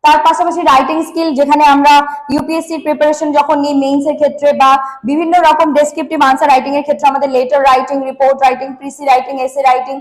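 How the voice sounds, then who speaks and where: Fast, high-voiced Bengali woman teacher. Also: little pitch movement, rough recording. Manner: asks questions and answers them herself; repetitive, emphatic. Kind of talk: online exam-prep lesson.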